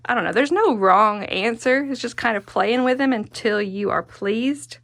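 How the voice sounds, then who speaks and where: A woman's voice: fairly high pitch, moderate pace, gravelly, a bit bright, no room sound. A woman giving a casual hands-on craft tutorial as the instructor, chatty and musing, often talking to herself as she goes. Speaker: quilting instructor and host.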